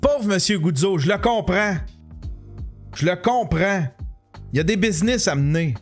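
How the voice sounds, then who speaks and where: A man's voice: sits high, animated, moderate pace, faint music behind. A man with a Québécois accent, hosting a podcast with profane, sarcastic rants. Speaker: podcast host. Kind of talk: ranting commentary.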